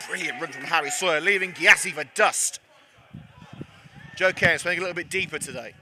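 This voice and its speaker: A man's voice: on the high side, fairly quick, pushed and bright, a little hiss or hum. A man giving chatty live commentary on a club football match, slightly out of breath. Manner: chatty, self-deprecating, with frequent fillers.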